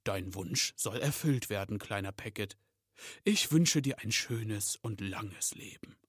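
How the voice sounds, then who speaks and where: A man as slow, measured Santa Claus. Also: lowish voice, animated, slightly rough, no echo, clean studio sound, heavily acted. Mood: gentle. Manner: slow, measured, serious but gentle. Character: kindly old Santa Claus, slow and deliberate. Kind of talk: storybook reading with voices.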